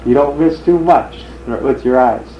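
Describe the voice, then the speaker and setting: A man sitting in at a seance, answering softly and reassuringly. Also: medium pitch, measured pace. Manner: soft, reassuring, affirming. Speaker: seance sitter. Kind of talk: casual seance conversation. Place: dark seance room. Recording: echoey, dull, hissy cassette.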